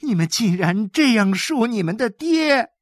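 A woman's voice: fairly high pitch, very animated, takes it slowly, no room sound, clean studio sound, voice pushed up. A woman doing a fierce, protective storybook wife. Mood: scolding. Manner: scolding, emphatic.

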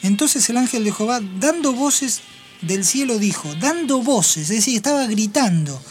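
A woman hosting a radio program, retelling Bible passages in an explanatory, storytelling way with pauses and restarts. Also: on the high side, animated, darkish tone, soft background music. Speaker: radio host. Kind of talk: radio talk on Bible stories.

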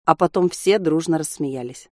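A woman reading a novel aloud as audiobook narrator, steady and even. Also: low-pitched, normal speed, dry recording, studio quality. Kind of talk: scripted narration.

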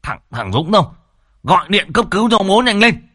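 A man's voice: high-pitched, very animated, moderate pace, breathy edge, dry recording, clean studio sound, pitched above the performer's own voice, heavily acted. A man voicing a stern old father who barks urgent orders in a ghost story. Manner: shouting commands.

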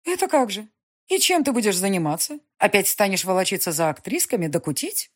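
A woman voicing a domineering aristocratic countess who scolds her grown son, in a husky, high-strung, overbearing voice, as in a period audiobook. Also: very animated, a little fast. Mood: scolding. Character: imperious aristocratic middle-aged countess mother.

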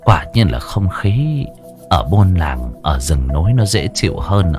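A man, narrating a ghost story in a lively, colorful way. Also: low-pitched, a little slow, over music.

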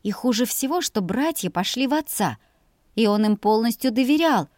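A woman narrating a first-person audiobook story in an expressive storytelling manner. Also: a little high, moderate pace, no echo, studio quality.

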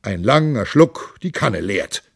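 A man voicing a jovial, hard-drinking monk in an audiobook, loud and hearty with a raised voice. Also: animated, slow, creaky, breathy edge, no room sound, clean studio sound, exaggerated voice. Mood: boisterous. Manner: loud, hearty, high-pitched boisterous delivery. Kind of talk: audiobook character voice.

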